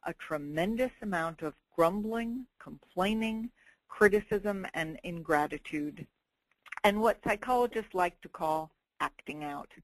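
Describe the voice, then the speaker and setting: A middle-aged woman giving a wry, expressive sermon-style talk, acting out quoted voices. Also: lowish voice, dry recording, rough recording. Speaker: speaker giving a Torah talk.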